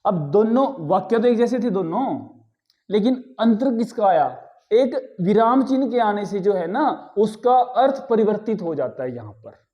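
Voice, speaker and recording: A man's voice: high voice, expressive, measured pace, mellow, lo-fi sound. A man teaching a grammar lesson, explaining step by step and often checking in with his class. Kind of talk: classroom lecture.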